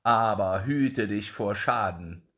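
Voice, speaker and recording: A man voicing a confident young craftsman son in a calm, measured way, close to his own voice. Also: lowish voice. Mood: firm.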